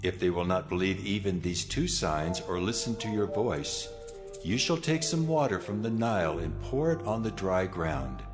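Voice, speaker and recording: An actor playing a solemn, commanding, almighty God in a dramatized scripture audio production, declaiming with authority through a cavernous reverb. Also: male voice, sits low, lively intonation, moderate pace. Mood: solemn, instructing. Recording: long reverb over loud music.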